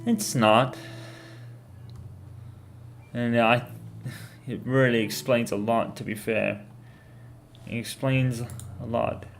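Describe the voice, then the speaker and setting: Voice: mid-range voice, fairly even intonation, takes it slowly, gravelly, pauses often. A player giving casual, laid-back commentary in short asides during a video game playthrough. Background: faint game music.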